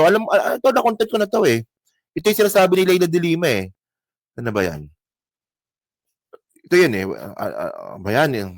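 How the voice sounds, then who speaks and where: A man's voice: a little high, dry recording. A man giving mocking reaction commentary on news clips, heated and insulting, rambling with restarts and speaking straight to his viewers. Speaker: political commentary vlogger.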